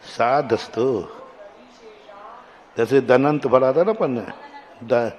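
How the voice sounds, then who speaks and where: A man teaching a class, correcting students as they recite a verse and sounding out syllables slowly to show them how. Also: medium pitch, darkish tone. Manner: patient, corrective, repeats syllables slowly to demonstrate. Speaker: Jain monk teacher.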